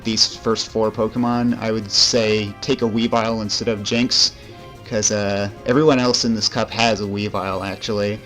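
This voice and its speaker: A young man with a somewhat low voice narrates his gameplay in a loose, rambling way. He fills pauses with "uh" and "um" and pokes fun at himself. Faint game music plays softly behind him. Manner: rambling, self-deprecating, frequent fillers. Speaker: let's play commentator. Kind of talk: casual gameplay commentary.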